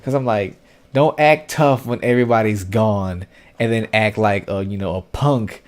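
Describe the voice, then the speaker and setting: A man's voice: lowish voice, normal speed. A man recapping a comic episode in casual, opinionated commentary, talking loosely with lots of fillers and slang. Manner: conversational and opinionated, heavy on fillers and slang like "y'all" and "dude". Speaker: webtoon recap host.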